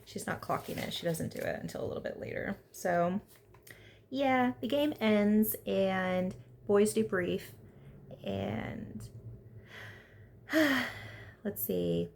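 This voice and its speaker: A woman talks through a reality dating show episode in a loose, opinionated recap. She speaks at a middle pitch with a noticeable gravelly fry, and she strings her thoughts together with lots of casual "like"s. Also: slow pace, pauses often, a little mellow. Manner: chatty, opinionated, lots of "like" fillers. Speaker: reality TV reviewer.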